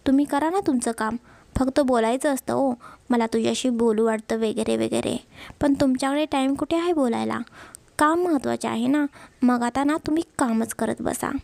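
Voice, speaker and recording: A woman's voice: on the high side, moderate pace, gravelly, darkish tone, no echo. A woman voicing a stubborn, sulking young wife who pouts and complains. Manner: sulky, pouting complaints.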